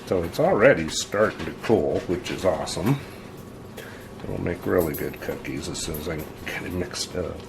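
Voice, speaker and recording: Easygoing low-voiced man cooking at home. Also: expressive, moderate pace, vocal fry, background noise. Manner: easygoing, plainspoken, chatty. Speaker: home cook, channel host. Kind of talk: casual cooking demonstration.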